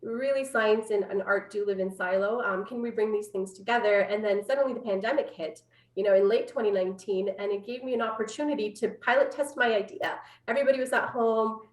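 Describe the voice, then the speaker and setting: Speaking from a room in her home over a video call, this Afghan-born Canadian woman in her thirties, a public health scientist, explains her work conversationally as an interview guest. She has a mid-range voice and a Canadian accent, and the distant microphone gives the recording a roomy feel.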